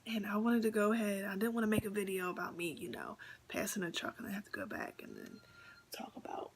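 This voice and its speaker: Young woman, casual vlog storyteller, half-whispered and chatty, gravelly fry, faint noise behind. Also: mid-range voice, quick pace. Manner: chatty, excited, many fillers and repeats. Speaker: vlogger.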